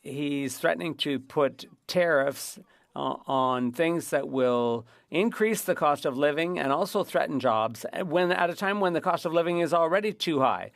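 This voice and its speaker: A man's voice: on the high side, animated, a little slow, vocal fry, dry recording. Dry-sounding male live parliamentary interpreter. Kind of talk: live interpretation of formal debate.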